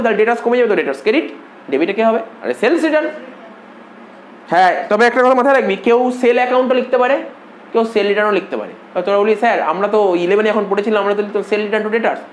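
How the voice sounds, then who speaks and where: Guy tutor rattling through a lesson, keeps asking if u got it, echoey classroom w faint noise. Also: very high-pitched. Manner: repetitive, checks understanding often. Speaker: commerce tutor. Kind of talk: informal lecture.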